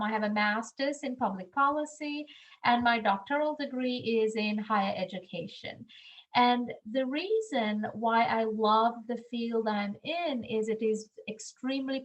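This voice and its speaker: A middle-aged woman from Sri Lanka who works in university admissions gives an earnest webinar presentation over a video call, saying um often. Her voice is fairly high-pitched, and the audio is poor.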